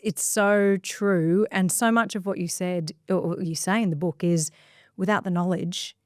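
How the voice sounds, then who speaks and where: A woman's voice: lowish voice, steady tone, moderate pace, dry recording, studio quality. Woman podcast host asking questions. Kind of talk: casual interview.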